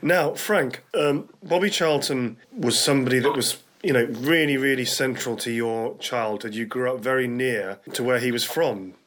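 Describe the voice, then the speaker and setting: A man's voice: medium pitch, normal speed, hardly any pauses, fairly bright tone. A man with a British accent hosting a talk radio interview, speaking conversationally in a hesitant, rambling way with repeated words.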